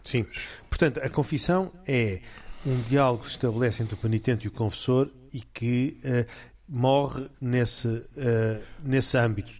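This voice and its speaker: A man's voice: medium pitch, a little slow, a little mellow. A man with a European Portuguese accent summarizing the point formally in a panel discussion.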